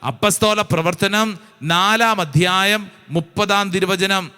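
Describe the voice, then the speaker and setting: Fervent priest preaching in a reverberant hall. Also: male voice, high voice, pushed and bright, clear, resonant tone. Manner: fervent, repetitive exhortation with rhetorical questions; reads scripture slowly and deliberately. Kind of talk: charismatic retreat sermon.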